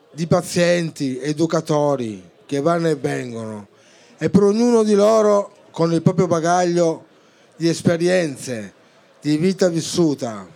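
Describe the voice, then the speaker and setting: A man reading his own poem aloud at a talk event in a slow, earnest manner. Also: a little high, vocal fry, darkish tone. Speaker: poetry reader at a talk event.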